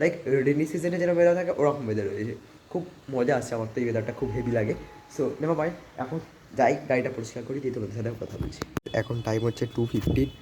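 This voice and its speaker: A man's voice: mid-range voice, a little mellow, a little hiss or hum. A man chatting casually as a vlogger, showing his home and scattering English fillers as he rambles. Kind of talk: casual vlog chat. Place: walking around his home.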